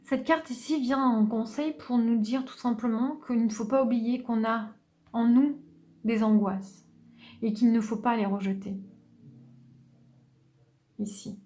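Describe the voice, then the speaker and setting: Femme lente et douce, tireuse de tarot. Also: female voice, fairly high pitch, steady tone. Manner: slow, gentle, hesitant with many restarts. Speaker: tarot reader. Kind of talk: unscripted tarot reading.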